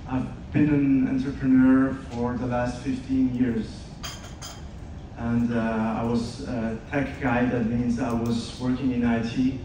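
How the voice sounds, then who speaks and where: A Swiss man, a podcast host speaking at an event, tells his own story in an earnest motivational talk to an audience. His medium-pitched voice has a warm tone. He's recorded from a distance in a large, echoey event hall with noise.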